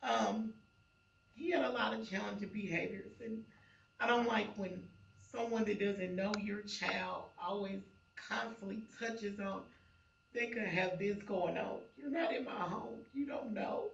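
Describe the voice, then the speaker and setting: A woman who works as a family support specialist, speaking earnestly in a recorded interview and pausing often. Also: medium pitch, vocal fry, a little hiss or hum. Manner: earnest, halting, with many fillers. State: emotional, close to tears. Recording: echoey, muffled, mic at a distance.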